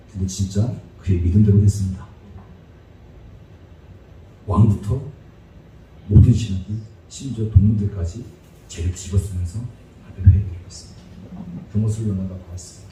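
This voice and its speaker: A man's voice: fairly low pitch, dark tone, slight background noise. A male preacher giving a humorous, chatty sermon lecture that breaks into frequent laughter. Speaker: evangelist preacher. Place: church sanctuary. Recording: echoey church hall, distant mic.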